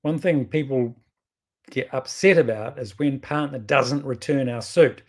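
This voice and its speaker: A man's voice: medium pitch, unhurried. A man with a strong New Zealand accent gives casual game commentary, thinking aloud in an informal, rambling way and often correcting himself. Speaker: bridge player presenting his own videos.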